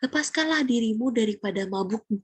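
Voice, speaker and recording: A woman's voice: a little high, lively intonation, fairly quick, husky. A woman voicing Eli, a stern old priest who scolds a woman he thinks is drunk, in a children's Bible story.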